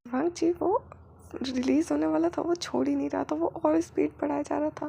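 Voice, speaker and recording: Brief: woman storyteller reading fan fiction, high pitch, strong vocal fry. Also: fairly even intonation, fairly quick, warm tone.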